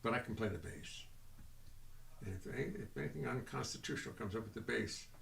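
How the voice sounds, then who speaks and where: An older man from the American South, a bassist and singer, chatting loosely and with self-mockery between folksy songs. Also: animated, a little fast, vocal fry, slight background noise. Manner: rambling, self-mocking, sings folksy tunes. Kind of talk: live-stream chat and song. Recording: roomy sound with loud music behind.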